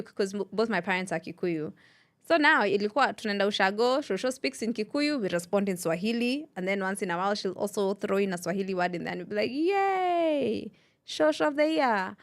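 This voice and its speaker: Chatty Kenyan woman radio host. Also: mid-range voice. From Nairobi, Kenya. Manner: chatty storytelling, acting out quotes. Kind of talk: casual radio chat.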